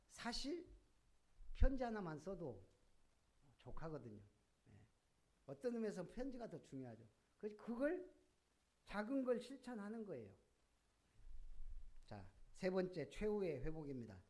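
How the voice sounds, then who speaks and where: Animated Korean pastor preaching. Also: male voice, fairly high pitch. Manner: lively preaching with rhetorical questions and bursts of emphasis. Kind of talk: sermon. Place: church.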